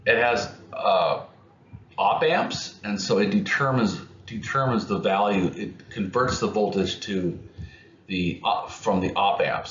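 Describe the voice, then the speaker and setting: Halting low-voiced man explaining electronics. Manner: halting, many restarts and fillers, informal. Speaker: electronics educator. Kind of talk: unscripted technical explanation. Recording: muffled, roomy, faint noise.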